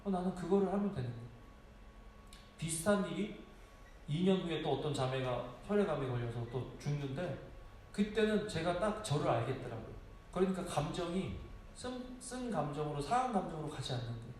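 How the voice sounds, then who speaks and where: A man's voice: a little high, very animated, a little fast, darkish tone, a little hiss or hum. A middle-aged male pastor preaching a sermon in a conversational, storytelling way, asking rhetorical questions. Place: large echoey church sanctuary. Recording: very echoey hall from a distance.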